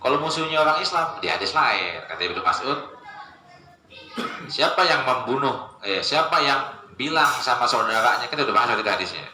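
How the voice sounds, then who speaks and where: A man giving a casual religious study lecture, joking and animated, mimicking voices as he quotes people. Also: mid-range voice, a little fast, soft background music. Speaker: Islamic preacher. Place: lecture space with a live gathering. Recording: echoey room with ambient noise.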